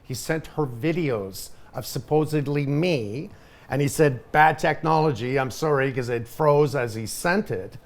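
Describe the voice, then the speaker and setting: A man's voice: medium pitch, measured pace. Middle-aged male podcast host, casual storyteller, emphatic and repetitive. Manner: animated, emphatic, repeats himself.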